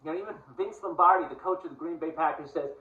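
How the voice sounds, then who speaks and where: A man from New shares his thoughts in an earnest, rambling vlog. His voice sits high and sounds bright. He is a little away from the mic, in a roomy space with a dull, lo-fi sound. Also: fast, far from the mic. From United States. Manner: musing, digressive, earnest. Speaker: vlogger. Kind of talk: casual monologue to camera.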